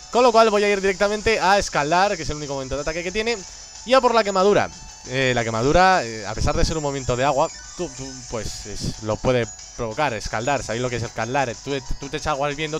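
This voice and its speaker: A man giving casual, joking commentary on a game, excitable and prone to sudden shouts. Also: a little high. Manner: excitable, joking, bursts into shouts and silly voices. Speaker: gameplay commentator.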